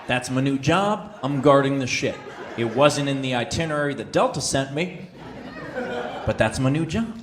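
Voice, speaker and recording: A man telling a comic story on stage, switching between quiet asides and loud outbursts. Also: mid-range voice, animated, normal speed, reverberant, slight background noise. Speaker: stand-up comedian. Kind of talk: stand-up storytelling. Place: comedy stage before a live audience.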